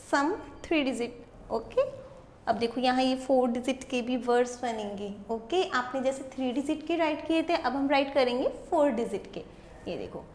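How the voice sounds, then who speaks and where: A woman's voice: high voice, roomy sound. A woman teacher with an Indian accent running an online phonics class, sounding out words letter by letter.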